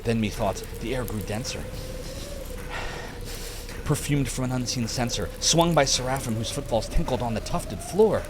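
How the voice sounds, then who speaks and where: A man's voice: medium pitch, normal speed, long pauses, background noise. A man narrating a poem as a dramatic reading, theatrical and melodramatic.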